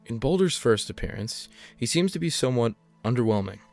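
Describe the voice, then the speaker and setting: A man's voice: mid-range voice, expressive, fairly quick, gravelly, darkish tone. Man narrating an explainer over music. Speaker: video essay narrator.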